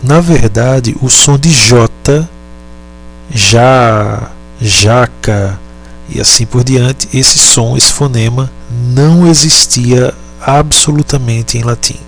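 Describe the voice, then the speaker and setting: Man, teacher, unhurried, halting, faint background music. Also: medium pitch. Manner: deliberate, halting, repeats and self-corrects. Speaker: Latin teacher. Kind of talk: slow explanatory lesson.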